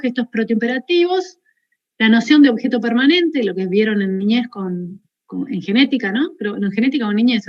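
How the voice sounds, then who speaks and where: A woman's voice: on the high side, highs cut off. A woman with an Argentine accent giving a university lecture, explaining step by step and checking in with her listeners. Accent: Argentine Spanish. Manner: explanatory, peppers points with questioning "¿sí?".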